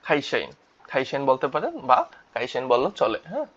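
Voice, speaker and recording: A man's voice: medium pitch, huge pitch swings, fast, very noisy. A man teaching vocabulary in a lesson, spelling out syllables and asking and answering his own questions. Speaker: Japanese language teacher. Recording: dull lo-fi recording.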